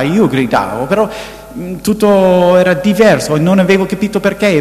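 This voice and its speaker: A man, seemingly a priest, quietly telling a personal story in a sermon, recorded in an echoey hall. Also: sits high. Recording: echoey hall with long reverb.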